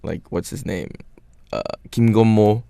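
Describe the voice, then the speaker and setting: A young man from the United States hosting a radio show in relaxed, casual chat. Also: lowish voice, measured pace, vocal fry, dry recording. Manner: relaxed, laid-back, says "man" a lot.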